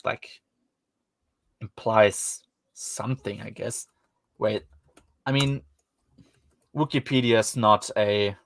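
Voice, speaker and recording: A man's voice: medium pitch, a bit bright, no echo. Wry German-accented man, dry sound. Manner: rambling and wry, with many fillers. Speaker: podcast host. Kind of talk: casual book discussion.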